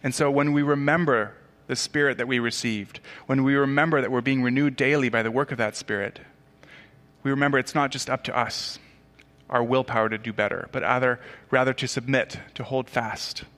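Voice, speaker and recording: A man who grew up in Tanzania preaches to his church, his tone bright and forceful. He keeps it conversational, slipping in asides and correcting himself as he goes. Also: medium pitch, fairly even intonation, brisk. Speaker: pastor. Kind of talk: sermon.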